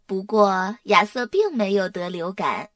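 A woman narrating a children's picture book in an expressive, clear storytelling manner. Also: mid-range voice, unhurried, dry recording. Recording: distant mic, dry sound.

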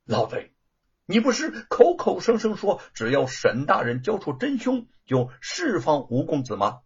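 A man voicing a proud, defiant young woman avenger who speaks in sharp, indignant declarations. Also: mid-range voice, wildly swooping pitch, a little slow, breathy edge, muffled recording, heavily acted.

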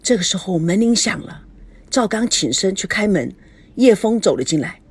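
A woman reading a novel aloud as a narrator, expressive and dramatic. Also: medium pitch, normal speed, husky. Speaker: audiobook narrator. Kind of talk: storybook narration.

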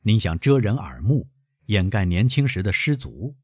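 A man's voice: on the low side, very animated, normal speed, darkish tone, slightly rough, dry recording, clean studio sound. A man reading an audiobook, voicing a suave male count who talks in a courteous, probing way.

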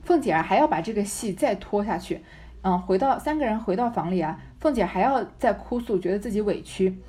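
A woman reads a classic novel aloud and breaks off to explain it in chatty, everyday language. Her voice is mellow and dark in tone, with a husky edge. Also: medium pitch, animated, fairly quick. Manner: chatty, explains in plain modern talk. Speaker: reader and commentator of a classic novel. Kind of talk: novel reading with casual commentary.

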